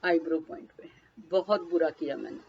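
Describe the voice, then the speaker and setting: A woman's voice: low-pitched, moderate pace, gravelly, muffled recording, slight background noise. A woman leading a guided tapping session, naming each body point and then speaking a short first-person phrase for the listener to repeat.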